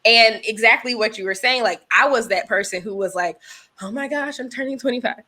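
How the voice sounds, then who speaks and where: Bright-voiced woman in her thirties. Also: fairly high pitch, fairly quick. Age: 30s. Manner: thoughtful, talks through examples. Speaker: podcast co-host. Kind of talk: casual chat.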